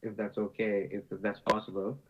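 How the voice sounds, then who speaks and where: Halting man on a lo-fi video call. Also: on the low side, level tone. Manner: halting, many fillers and restarts. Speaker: consultant presenting remotely. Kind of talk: business presentation over a call. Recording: dull lo-fi video call audio.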